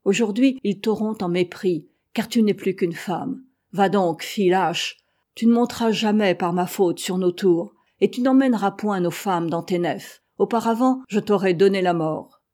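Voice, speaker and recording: A woman's voice: medium pitch, moderate pace, dark tone, natural voice. A woman reading as a boastful Trojan warrior chief. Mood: taunting. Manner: taunting, commanding.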